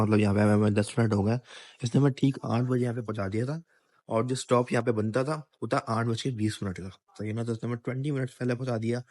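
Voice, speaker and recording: A young Pakistani man with a Pakistani Urdu accent chats casually into a handheld phone for his travel vlog, often asking viewers if he's right. His voice is fairly low and darkish, and the recording is dry.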